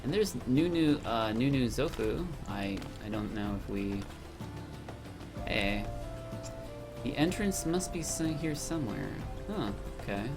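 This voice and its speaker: A chatty man talks through his video game playthrough, thinking out loud as he goes. His voice moves in a lively way, with game music playing behind him. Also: medium pitch, measured pace. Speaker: let's play host. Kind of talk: casual game commentary.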